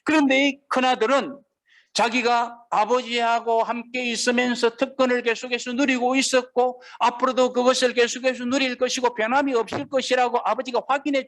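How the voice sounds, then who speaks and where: High-voiced man preaching a sermon. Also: steady tone, a bit bright. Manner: asks the congregation questions and reads scripture slowly. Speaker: pastor.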